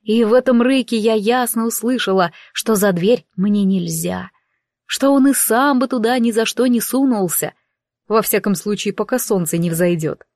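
A woman's voice: medium pitch, moderate pace, darkish tone, no room sound. A woman reading a first-person audiobook in a wry, dry-humoured tone. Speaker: audiobook narrator.

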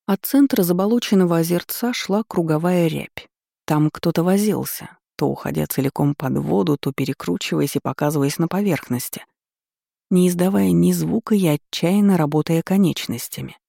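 A man narrating a fantasy novel in an even storytelling manner. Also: fairly high pitch, normal speed, creaky, no room sound, clean studio sound. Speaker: audiobook narrator.

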